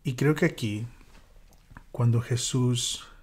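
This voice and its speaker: A man leading a church small-group Bible study, speaking reflectively with fillers and dropping into a whisper for calm moments. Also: mid-range voice, slow pace, slightly rough. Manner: reflective, with many fillers and soft whispered asides.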